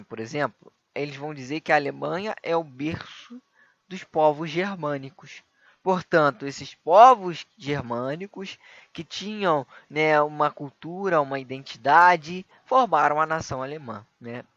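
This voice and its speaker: Man, Brazilian Portuguese accent, history lesson, fairly high voice, dry and dull sound. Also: a bit bright, dry recording. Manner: explanatory, rhetorical questions, frequent "tá?" and "né?" tags. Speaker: history teacher. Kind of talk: recorded lesson for exam prep.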